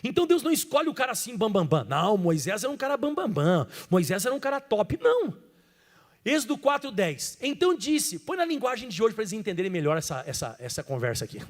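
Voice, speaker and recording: A man from Brazil, a pastor preaching an animated sermon, acting out stories and quizzing the congregation. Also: high voice, quick pace. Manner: animated storytelling, acts out characters, asks the crowd questions. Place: church. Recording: reverberant church hall.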